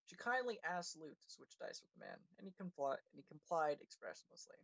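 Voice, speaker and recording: Brief: a male streamer narrating his own writing, with a gravelly voice and a dry, close sound. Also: fairly high pitch, huge pitch swings, brisk, a bit bright, no echo, poor audio. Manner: casual, with self-corrections and laughs. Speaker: livestream host and writer. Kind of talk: reading his own story aloud.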